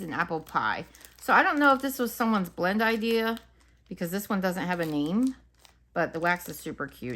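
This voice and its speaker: A home fragrance reviewer describes each wax melt scent while chatting and musing aloud. Her medium-pitched voice has a fairly bright tone, and the review is casual and unscripted.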